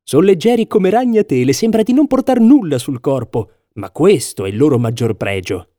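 A man doing sly, smooth-talking swindlers. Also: a little high, lively intonation, moderate pace, mellow, dry recording, clean studio sound, lightly acted. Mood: coaxing. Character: two sly male swindler tailors.

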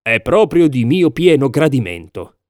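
A man voicing a vain, proud emperor in a storybook reading, speaking in a slow, measured way. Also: medium pitch, sing-song, a little mellow, no room sound, studio quality. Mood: pleased.

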